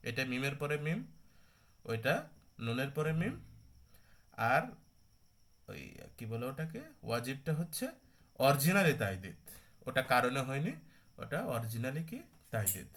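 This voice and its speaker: A man with a mid-range, fairly bright voice teaches a Quran recitation class online in a conversational way. He corrects himself, restarts mid-phrase, often checks that students are following, and recites examples slowly and drawn out.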